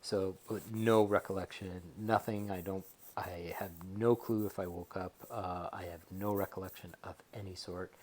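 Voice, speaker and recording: A man's voice: low-pitched, fairly even intonation, moderate pace, few pauses, a little mellow. A man talking casually and a bit hesitantly in a rambling personal vlog from his bedroom, as a patient giving a recovery update. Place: bedroom at home.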